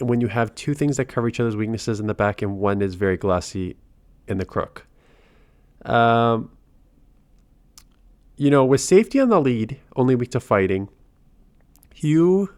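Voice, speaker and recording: Commentating his own game match in a relaxed way, this adult father and gaming channel host has a cold that leaves him nasal and congested. He thinks aloud and breaks off mid-sentence. The voice is fairly low and a little mellow, in a dry recording.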